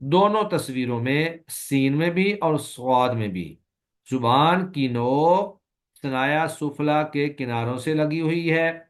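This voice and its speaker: A man who teaches Quran recitation, giving a recorded lecture and explaining slowly and patiently, with long drawn-out sample sounds and a Pakistani Urdu accent. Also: on the high side, lively intonation. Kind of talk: recorded lecture on letter pronunciation.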